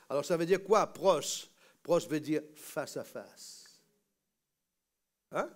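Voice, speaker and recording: A man's voice: a little high, a little mellow. A man preaching a sermon in a church, teaching word by word and having the congregation repeat after him in call-and-response. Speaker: pastor.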